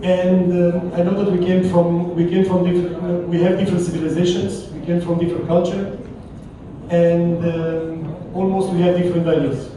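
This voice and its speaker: A man from Romania with a Romanian accent, a visiting coach giving a formal thank-you speech in a halting, deliberate way with repeated phrases. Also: high voice, flat delivery. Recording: distant echoey hall, audible crowd.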